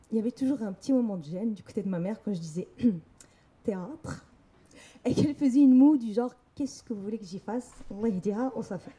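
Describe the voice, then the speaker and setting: A young Moroccan woman speaks candidly on stage in an event hall, telling her personal story with laughter and quoted voices. Her voice is a little high, mellow and slightly rough.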